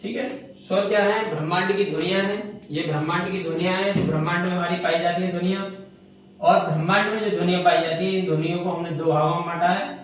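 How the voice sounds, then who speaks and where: A man teaching grammar in a classroom, with a fairly high voice. He puts questions to the students and answers them himself, and he repeats each key term. The sound is very echoey and he stands well away from the microphone. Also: fairly even intonation, fast, a little hiss or hum. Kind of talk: classroom lecture. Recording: echoey room, mic far off.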